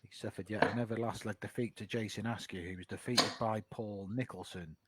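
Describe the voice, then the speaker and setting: A man's voice: on the low side, steady tone, fairly quick. A man giving live sports commentary on a darts match. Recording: very noisy live stream sound.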